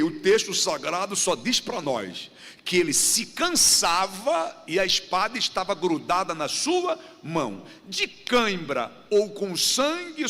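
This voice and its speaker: Animated high-voiced preacher in a hall. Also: male voice. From Brazil. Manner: animated preaching with repeated refrains and acted-out dialogue. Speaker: guest preacher. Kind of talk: sermon. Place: church sanctuary. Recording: church hall reverb.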